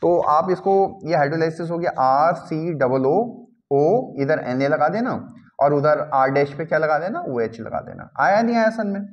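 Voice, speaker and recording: A man's voice: on the high side, animated, normal speed, highs cut off. A man teaching a chemistry class, who keeps asking the students whether they understand and mixes English phrases into his talk. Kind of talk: classroom lecture.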